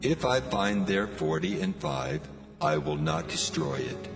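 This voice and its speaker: A man's voice: fairly low pitch, very animated, measured pace, gravelly, exaggerated voice. A man voicing God as a grave, majestic, commanding figure in a dramatized scripture reading. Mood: solemn, merciful. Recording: long cavernous reverb, loud music behind. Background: music.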